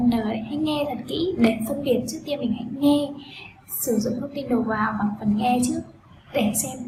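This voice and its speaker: A woman teaching a pronunciation lesson, explaining patiently and drilling sounds in loud, repeated bursts. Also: a little high. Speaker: English teacher. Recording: echoey room with steady background noise.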